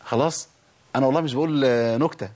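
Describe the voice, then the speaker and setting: Male tajweed teacher, Egyptian accent, mid-pitched, brisk and demonstrative. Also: darkish tone. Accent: Egyptian Arabic. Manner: brisk, demonstrative, drawn-out example sounds. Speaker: Quran recitation teacher. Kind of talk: tajweed lesson.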